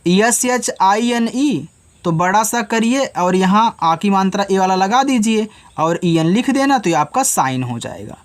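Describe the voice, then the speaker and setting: A man with a Hindi accent teaching English phonics to children, slowly spelling out letters and repeating the answers to his own questions. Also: sits high, animated. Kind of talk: whiteboard phonics lesson.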